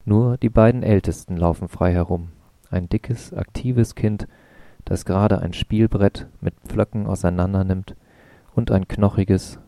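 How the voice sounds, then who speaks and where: Gravelly, dark-voiced male audiobook narrator. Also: low-pitched, steady tone, measured pace, dry recording. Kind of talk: scripted narration.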